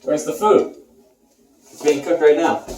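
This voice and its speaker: A man acting in a comedy sketch, excitable and prone to yelling outbursts. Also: a little high, a little slow, soft background music. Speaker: sketch actor. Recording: echoey room, distant mic, background noise.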